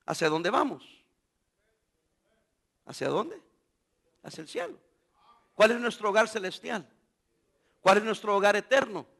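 Pastor guy preaching, really high bright voice, lots of questions to the church. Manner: preaching with rhetorical questions to the congregation; animated, acts out quoted voices. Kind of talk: sermon.

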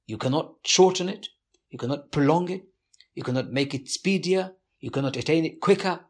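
A man giving a measured, earnest, devout answer in an interview. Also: fairly high pitch, slightly rough.

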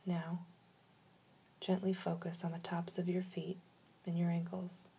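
A woman guides a relaxation exercise in a low-pitched, very breathy voice with a mellow, gravelly edge. She gives slow, soothing instructions and leaves long pauses between them. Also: monotone.

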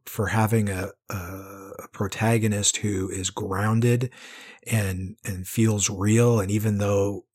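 A man with a low, husky voice hosts a relaxed interview. He talks loosely, with plenty of fillers and restarts. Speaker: interviewer, podcast host. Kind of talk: casual interview chat.

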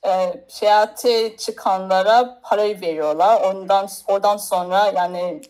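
A woman's voice: mid-range voice, fairly even intonation, unhurried, a little mellow, low-quality recording. Hesitant woman from Nigeria chatting. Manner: hesitant, searching for words in non-native Turkish. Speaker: interview guest. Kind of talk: casual interview chat.

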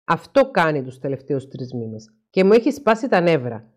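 A woman's voice: low-pitched, sing-song. A woman reading as a troubled, frustrated husband.

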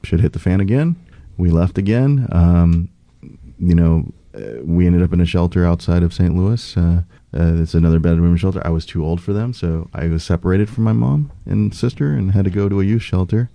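A man from the United States with a deep, gravelly voice appears as a political candidate guest in a conversational interview. He talks briskly and earnestly, with frequent fillers and restarts, and the audio is dull with no room sound.

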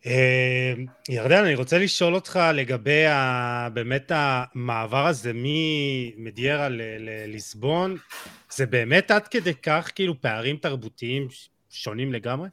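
A man's voice: medium pitch, pushed and bright. A man hosting a podcast who asks curious questions in a casual tone. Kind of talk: casual chat.

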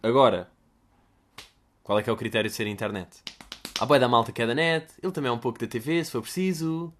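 A man's voice: mid-range voice, fast, fairly bright tone, a little hiss or hum. A young man with a European Portuguese accent, answering listener questions in a rambling, crude, jokey comedic monologue.

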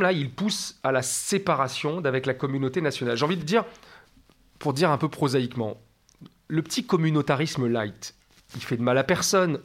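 A man speaking as a guest expert in an interview, explaining in a didactic way and stacking up lists of examples. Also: fairly high pitch.

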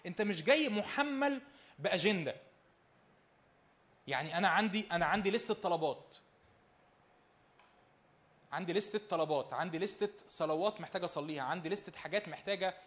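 High-voiced, fast Egyptian preacher. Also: male voice, animated. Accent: Egyptian Arabic. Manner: emphatic, repeating phrases, rhetorical questions, swinging between loud and hushed. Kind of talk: sermon.

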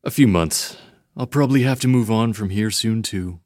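A man's voice: lowish voice, moderate pace, darkish tone, dry recording, clean studio sound, natural voice. A man playing a clueless, apologetic ranch hand and former fireman in a comedy audio drama. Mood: earnest. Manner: hesitant, apologetic.

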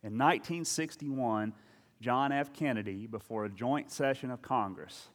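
A man's voice: medium pitch, moderate pace, in a large hall. A man preaching a sermon as a pastor, talking in a conversational, storytelling way with frequent asides and restarts.

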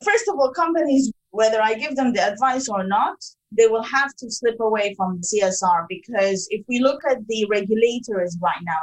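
A woman's voice: mid-range voice, low-quality recording. A woman from Sudan, a guest researcher, explaining her findings emphatically in a podcast interview.

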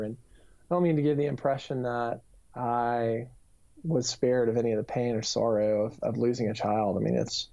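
Gravelly, mellow-voiced man telling his story. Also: mid-range voice. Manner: earnest, reflective storytelling with many fillers. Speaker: author and youth minister. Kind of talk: personal testimony in an interview. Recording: dull lo-fi recording.

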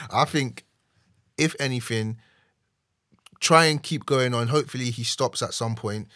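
A man's voice: medium pitch, measured pace, fairly bright tone, dry recording, studio quality. A young man with a London accent chatting casually and giving opinions in a slangy roadman way. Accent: London, urban slang.

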